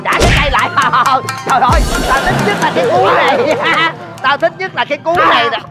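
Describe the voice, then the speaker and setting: Woman as heavenly queen, bossy, scolding, shouting, high voice, loud music behind. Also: a little fast, a loud crowd, lightly acted. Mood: gleeful. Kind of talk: Tet comedy sketch.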